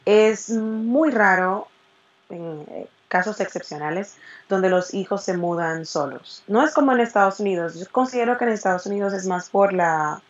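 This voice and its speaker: A woman's voice: mid-range voice, moderate pace, muffled recording. A woman in her twenties from the Dominican Republic, speaking Dominican Spanish and answering interview questions in a cheerful, chatty way that breaks into laughs. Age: 20s. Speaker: interview guest.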